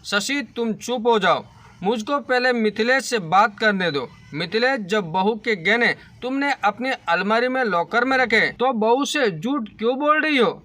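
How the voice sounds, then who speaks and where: A man's voice: extremely high pitch, animated, a little slow, sharp tone, no room sound, exaggerated voice. A man voicing a stern, fair-minded father-in-law who speaks firmly and with authority in a spoken story. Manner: firm, authoritative.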